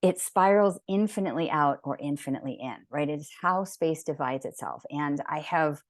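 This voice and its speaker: Low-voiced woman teaching an online class. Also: brisk, no room sound, studio quality. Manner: rambling, enthusiastic, many fillers and restarts. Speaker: sacred geometry teacher.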